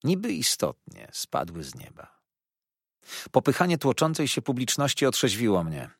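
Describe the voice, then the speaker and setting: Husky, expressive male narrator. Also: medium pitch, normal speed, no echo, studio quality. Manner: expressive, dreamy storytelling. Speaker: audiobook narrator. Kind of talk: classic novel narration.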